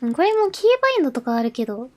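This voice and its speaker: A woman's voice: on the high side, sing-song, racing, darkish tone. A woman streaming as a VTuber, chatting casually with many fillers while she sets up and then translates the game narration aloud. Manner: chatty, lots of fillers, talks to herself while setting up.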